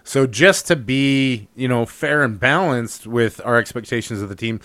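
A man's voice: mid-range voice, normal speed, a bit bright, no echo. Male podcast co-host, dry close sound, jokey, winding questions. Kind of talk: casual sports podcast chat.

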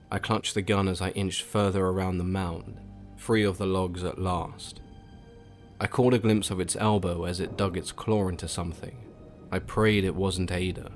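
A man with a very low, deep voice narrates a first-person horror tale. His delivery is grim and hushed, building dread line by line. Soft music plays underneath. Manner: grim, hushed storytelling with shouted outbursts.

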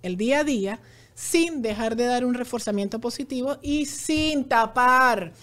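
An earnest woman speaking as a guest in a relaxed conversation. Her voice sits a little high, and she often acts out other people's words as she explains. She sounds animated throughout. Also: measured pace. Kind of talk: casual conversation.

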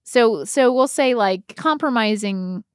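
A woman co-hosting a comedy podcast in casual chat, reading list items aloud in an animated way and laughing often. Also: a little high, takes it slowly, smooth, no echo, clean studio sound. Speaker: podcast co-host.

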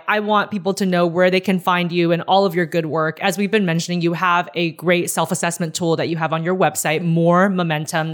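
A woman hosting an interview podcast, talking in an enthusiastic, encouraging way as she wraps up and gives advice. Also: lowish voice. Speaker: podcast host.

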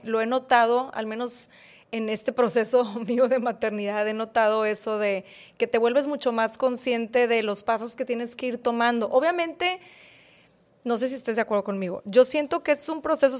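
A young woman hosting a podcast, her voice sitting a touch higher than most. She backs her guest with quick affirmations and asks open, searching questions. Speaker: podcast host. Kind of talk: conversational interview.

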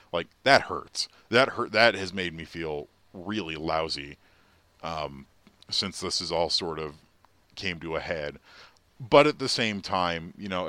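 A man's voice: low voice, pushed and bright, no echo. A man talking earnestly on a sports podcast, rambling a little with restarts. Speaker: podcast co-host. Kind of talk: casual sports podcast chat.

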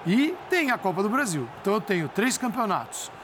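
A man's voice: high-pitched, big pitch swings, brisk, noisy background. A man talking football as a pundit in a studio debate, emphatic and full of rhetorical questions. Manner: emphatic, explains tactics with repeated questions.

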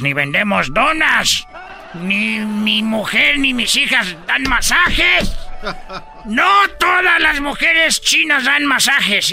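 A man putting on a loud joking Chinese character. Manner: comic bits with sudden high shouts. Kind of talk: radio comedy sketch.

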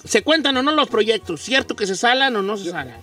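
A man's voice: high-pitched, big pitch swings, fairly quick, pushed and bright, far from the mic, heavily acted. A man playing a cheeky older Mexican radio host with a Mexican accent, joking and teasing callers. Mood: bantering. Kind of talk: comic radio call-in chat. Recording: off-mic with faint music.

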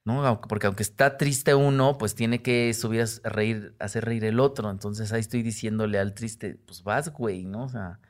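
A man's voice: on the low side, moderate pace, few pauses. A man with a Mexican Spanish accent, a comedian guest chatting casually and acting out the voices of the people in his stories. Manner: animated storyteller who acts out quoted voices; frequent tag questions and self-interrupting restarts. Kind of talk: casual conversational interview.

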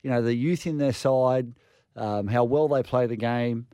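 A man's voice: mid-range voice, unhurried, warm tone, clear, resonant tone, no room sound, studio quality. An Australian man co-hosting sports radio, chatting casually in a hesitant, joking way. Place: radio studio.

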